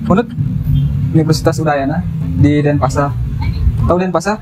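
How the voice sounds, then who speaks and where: A man's voice: a little high, normal speed, loud music behind the voice, poor audio. A man in his twenties chatting and explaining as a street interviewer, recorded outdoors by a road. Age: 20s. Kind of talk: casual street chat.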